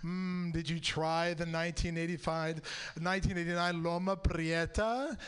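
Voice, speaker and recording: A man's voice: a little high, fairly even intonation, moderate pace, a bit bright, clean tone. A man from San Francisco doing a rambling, self-mocking stand-up set at a radio studio open mic, slipping into snooty put-on voices. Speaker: stand-up comedian.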